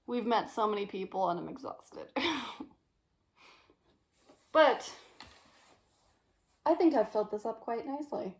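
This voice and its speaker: A woman's voice: mid-range voice, animated, a little slow, long pauses. A young woman vlogging casually from her bedroom, chatty and giggly as she thinks aloud. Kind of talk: casual chat.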